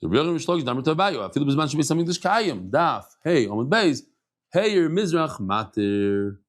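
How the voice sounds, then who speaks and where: A middle-aged man leads a relaxed daily Talmud class, chatty and lively, sprinkling in Hebrew and Yiddish terms. His voice is a little high and he talks fairly quickly.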